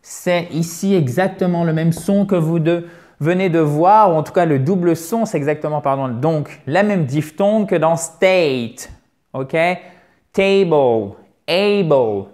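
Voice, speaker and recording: A man's voice: fairly high pitch, unhurried, a little mellow. A man teaching English pronunciation in an online lesson, playfully stretching vowel sounds to demonstrate them and often checking in with his listeners.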